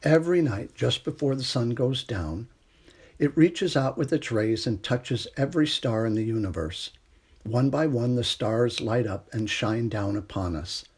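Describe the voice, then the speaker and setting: A man voicing a tender, motherly female raccoon from a children's storybook, gently soothing and reassuring. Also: medium pitch, slightly rough. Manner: gentle, soothing, warm delivery.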